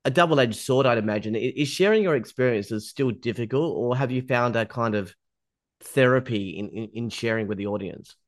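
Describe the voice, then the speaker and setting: A man interviewing a guest on a podcast, reflective and measured, with small restarts. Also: mid-range voice, no echo, clean studio sound.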